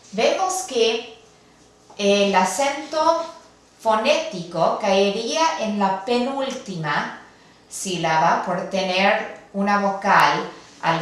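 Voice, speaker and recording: Woman grammar teacher, slow and careful delivery, very reverberant room. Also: medium pitch, a bit bright. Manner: slow, deliberate, spelling out syllables. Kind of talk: recorded classroom lesson. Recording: very echoey room.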